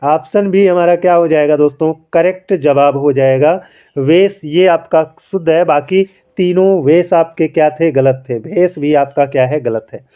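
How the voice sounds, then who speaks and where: On a dull, lo-fi recording, a male Hindi grammar teacher writes by hand while taking a spelling quiz step by step. He asks each question, supplies the answer himself, explains with patience, and keeps calling his listeners friends, his voice smooth, mellow, and slightly high for a man.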